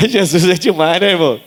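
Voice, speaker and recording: A male pastor preaching a sermon, animated, rising to sharp high exclaims and acting out dialogue. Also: breathy edge. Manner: acts out quoted dialogue.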